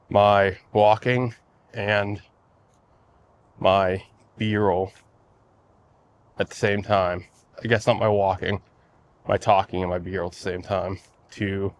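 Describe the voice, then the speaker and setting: Low, even-voiced man vlogging on a walk. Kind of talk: casual walking vlog chat. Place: outdoors, walking by lakes in a neighborhood before sunrise. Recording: outdoor ambient noise while walking.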